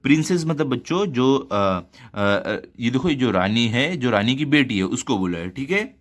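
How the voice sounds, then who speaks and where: A man teaching a children's lesson in Hindi. He reads each line of the story slowly. Then he explains it word by word for young pupils. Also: mid-range voice, expressive.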